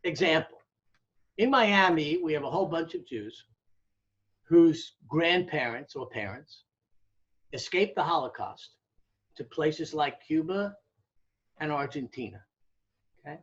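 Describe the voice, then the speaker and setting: This American demographer, interviewed as an academic, sounds expressive in a slightly bright voice on the high side, speaking at a measured pace with long pauses. He explains conversationally yet emphatically and didactically, often checking in and posing rhetorical questions, over dull, lo-fi audio.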